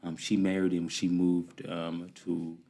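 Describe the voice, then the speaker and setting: A man's voice: low voice, completely flat delivery, measured pace, gravelly, mellow. A young man, a guest in a casual interview, talking earnestly and rambling with many "you know"s. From Amarillo, Texas. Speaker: guest, MMA fighter.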